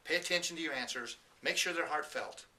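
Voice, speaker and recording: A man's voice: a little high, a little fast, pushed and bright, far from the mic, poor audio. A man giving an earnest, emphatic motivational talk, telling stories and acting out the people in them. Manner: earnest, emphatic, storytelling with quoted voices. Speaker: motivational speaker.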